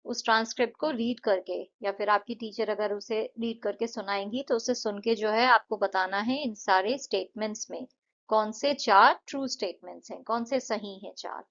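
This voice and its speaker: A woman teacher with an Indian English accent, walking students through English exercises in Hindi and English, slowly stretching out words to show their syllables. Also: mid-range voice, a bit bright, highs cut off.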